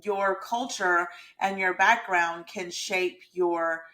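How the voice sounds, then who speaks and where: A woman's voice: lowish voice, fairly even intonation, slow pace, sharp tone. Chatty Southern woman from Georgia. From Georgia, USA. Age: 30s. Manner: informal, conversational, addresses viewers directly. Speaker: mindset mentor and YouTube host. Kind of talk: casual chatty explainer vlog.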